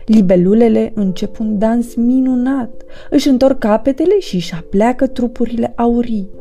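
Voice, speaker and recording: Mellow woman narrating a storybook. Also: a little high, faint music behind. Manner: gentle, expressive read-aloud.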